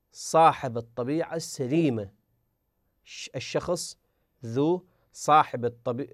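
A man's voice: on the high side, no echo, clean studio sound. A man teaching a tajweed lesson who speaks patiently, repeats words and drills the examples aloud. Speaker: Quran recitation teacher.

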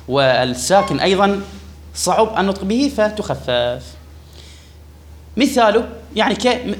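Fast-talking grammar teacher. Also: male voice, a little high. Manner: emphatic, quizzes students, repeats key words. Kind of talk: classroom lesson explaining a text.

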